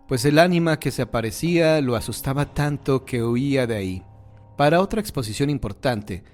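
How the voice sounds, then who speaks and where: A man tells ghost stories in a measured, scripted way. His voice sits in an ordinary middle pitch. Faint music plays quietly behind him. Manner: measured storytelling delivery. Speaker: horror story narrator. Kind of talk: scripted narration.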